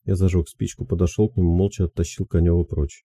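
A man narrating classic prose in a calm, measured audiobook reading. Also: low-pitched, no room sound, studio quality.

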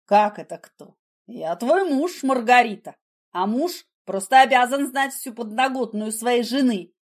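A woman's voice: on the high side, expressive, a little slow. A woman voicing a menacing, mocking husband in an audiobook, with a smug, taunting manner. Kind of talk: audiobook character voice.

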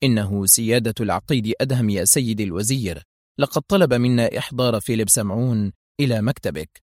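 A man's voice: fairly low pitch, fast talker, darkish tone, no echo, studio quality, lightly acted. A man doing a dutiful police officer. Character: dutiful male police lieutenant colonel.

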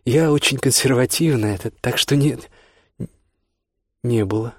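A man's voice: medium pitch, measured pace, no echo, studio quality, natural voice. A shy, curious young woman in bed, as a man puts her on. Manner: soft, hesitant questioning. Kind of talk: audiobook dialogue.

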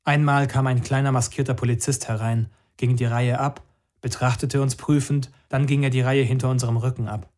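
Man, first-person narration, measured and somber, unhurried. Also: medium pitch, fairly even intonation, a little mellow.

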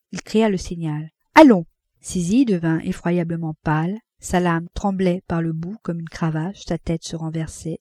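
A woman reading a classic novel aloud as an audiobook, in a measured narrating voice. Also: dry recording, clean studio sound. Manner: measured, voices characters with raised pitch and loudness. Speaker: audiobook reader.

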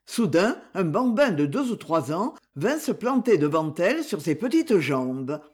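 Woman audiobook narrator, expressive lively pitch, measured delivery. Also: slightly rough. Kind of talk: scripted narration.

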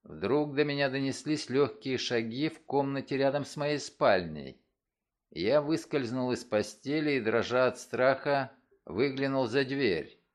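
Expressive male audiobook narrator. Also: mid-range voice, measured pace. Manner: dramatic, expressive reading with acted outbursts. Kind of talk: first-person scripted narration.

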